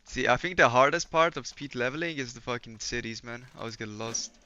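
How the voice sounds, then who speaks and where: In a smooth, pushed and bright mid-range voice, a bit on the fast side, a young man from Poland banters casually with his stream viewers as he games. He swears often and stays relaxed, and the lo-fi audio is slightly dull.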